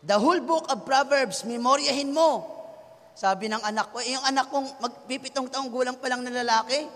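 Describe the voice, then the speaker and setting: A Filipino pastor in his thirties, preaching with a very high, bright and forceful voice. He moves between soft, low passages and loud shouts. His voice rings with long reverb, as in a big church hall. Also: moderate pace. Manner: switches between Tagalog and English, swings from hushed to shouting. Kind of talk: sermon.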